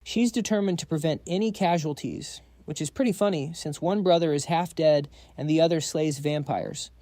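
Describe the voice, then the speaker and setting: A man's voice: on the high side, moderate pace, mellow, dry recording, clean studio sound. A man narrating a scripted story recap, dropping quips to the audience.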